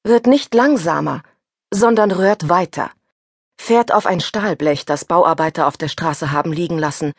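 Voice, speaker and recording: A woman reading a first-person suspense audiobook aloud, with a husky voice that turns tense and breathless in the panic passages. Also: fairly low pitch, a little slow, no room sound, studio quality. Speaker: audiobook narrator. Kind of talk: scripted first-person narration.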